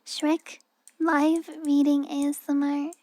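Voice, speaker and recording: A woman livestreamer chatting casually in a naturally soft, cute anime-girl voice, gentle and often close to a whisper. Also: sits high, little pitch movement, slow pace, no echo.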